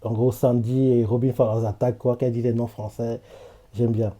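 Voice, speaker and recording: A man talking through a live anime reaction in a loose, rambling way, full of fillers and restarts. His voice is mellow and soft-edged, sitting at an ordinary middle pitch. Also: little pitch movement, a little fast. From French-speaking. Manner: chatty, laughs often, many fillers.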